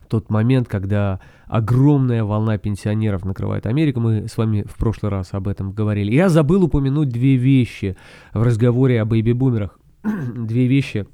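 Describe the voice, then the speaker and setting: A man hosting a solo podcast, explaining things in a reflective, halting, conversational way. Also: fairly low pitch, warm tone, smooth, dry recording, studio quality. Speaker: podcast author and host.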